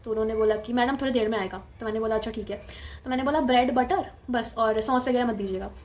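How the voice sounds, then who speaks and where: High-voiced chatty young woman vlogging. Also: quick pace, a little mellow. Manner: chatty, laughs often, mixes English into Hindi. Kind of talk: casual storytelling vlog.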